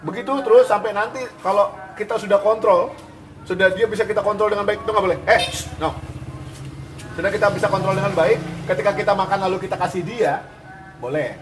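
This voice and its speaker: A man's voice: sits high, steady tone, quick pace, background noise. A man, a dog behavior trainer, explaining and coaching owners in a firm, casual way, mixing in English commands. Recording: roomy, distant mic, music behind.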